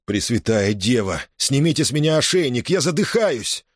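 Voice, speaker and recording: A man's voice: medium pitch, sing-song, moderate pace, no room sound, studio quality, voice pushed up. A man voicing an outraged defiant prisoner. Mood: indignant. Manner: indignant, outraged protests. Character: indignant defiant male prisoner. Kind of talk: audiobook character voice.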